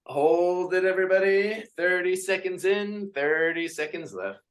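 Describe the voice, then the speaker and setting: A man leads a group exercise session, calling out reps and stretches. His voice sits a bit high for a man and he takes his time, trading jokes and small talk with the people working out. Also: animated, measured pace, a bit bright. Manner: counts out reps and jokes with the class between exercises. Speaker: fitness coach. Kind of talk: leading a group workout class.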